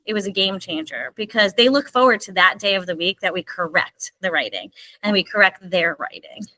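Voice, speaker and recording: A woman's voice: mid-range voice, lively intonation, a little fast, bright, forceful tone, no echo, low-quality recording. A woman who teaches special education, talking as an enthusiastic guest in a conversational interview. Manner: earnest, enthusiastic.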